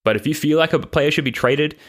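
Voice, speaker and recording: A man's voice: a little high, brisk. An Australian man hosting a casual sports podcast, rambling and self-deprecating, laughing now and then. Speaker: podcast host.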